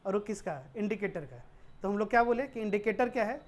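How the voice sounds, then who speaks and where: A woman's voice: medium pitch, expressive, fast. A woman teaching a chemistry lesson who keeps asking rhetorical questions and answering them, with English technical terms mixed in. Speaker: science teacher. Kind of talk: classroom-style chemistry lesson.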